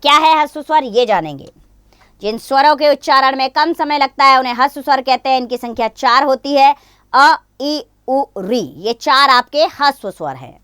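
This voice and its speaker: A woman teaching children a grammar lesson, explaining patiently and slowly, one example at a time. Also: high-pitched, animated, fairly bright tone, dry recording.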